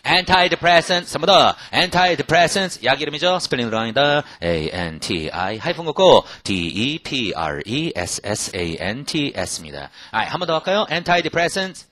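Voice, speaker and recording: Lively joking Korean English teacher. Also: male voice, mid-range voice. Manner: lively, joking, repeats phrases slowly and spells them out letter by letter. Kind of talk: casual spoken English lesson.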